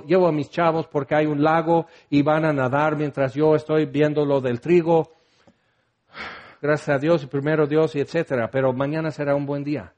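Mexican man preaching a conversational sermon. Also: a little high. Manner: animated, rising for emphasis and dropping to a hush.

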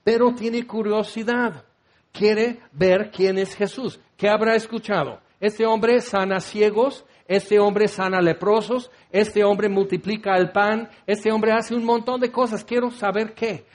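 Man, pastor, sermon, high voice, jokey, rambling, acts out scenes. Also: fairly even intonation, measured pace.

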